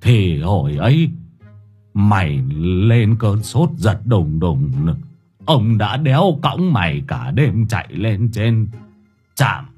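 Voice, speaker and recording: A man's voice: fairly low pitch, sing-song, takes it slowly, darkish tone, slightly rough, soft background music, full character voice. A man voicing an old village uncle who wails in self-pity and curses, in an audio storybook. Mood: cursing. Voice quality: quavering, wailing, theatrical self-pity.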